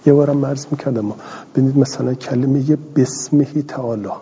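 A middle-aged man teaching a grammar class, reading a line of text and then explaining it slowly and patiently. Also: mid-range voice, steady tone, warm tone, breathy edge. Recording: dull lo-fi audio in a hall.

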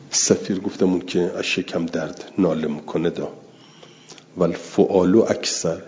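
A man's voice: low-pitched, a little mellow. A man teaching a religious lesson, explaining an Arabic text word by word in a conversational way and repeating terms as he defines them. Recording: dull lo-fi recording with long reverb.

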